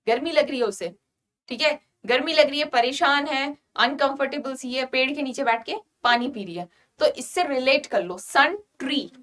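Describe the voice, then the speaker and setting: An Indian woman with a high, bright-pitched voice leads an online vocabulary class. She talks in a lively teacherly way and keeps checking that her students are following. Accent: Indian English. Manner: lively, repeats "clear?" to check understanding. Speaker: vocabulary teacher for exam prep.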